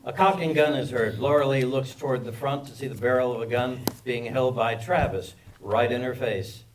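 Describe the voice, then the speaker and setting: At a live table read at a film festival, a man reads stage directions, delivering scene headings and action as scripted narration. His mid-range voice, at normal speed, is picked up from a little distance with background noise.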